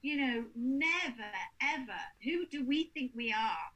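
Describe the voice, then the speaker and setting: A woman's voice: high voice, a little slow, low-quality recording. A woman, a paranormal investigator telling stories in casual chat and acting out the people she quotes. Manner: animated storyteller, acts out quotes.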